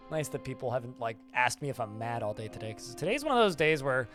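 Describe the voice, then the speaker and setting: A man streaming a game live, chatting to his viewers in a flat tone that some hear as annoyed. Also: medium pitch, brisk, soft background music. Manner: chatty, rambling asides to chat. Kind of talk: live-stream gameplay commentary.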